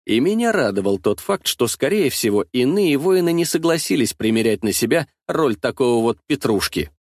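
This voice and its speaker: Lively male audiobook narrator, dry close sound. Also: mid-range voice, normal speed, no echo. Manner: expressive, lively storytelling. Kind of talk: first-person audiobook narration.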